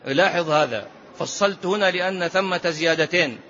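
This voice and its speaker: Bright-voiced man teaching a religious lesson. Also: on the high side, brisk. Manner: explanatory, asks rhetorical "ha?" of listeners. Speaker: sheikh teaching a hadith book. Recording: slightly dull lo-fi recording.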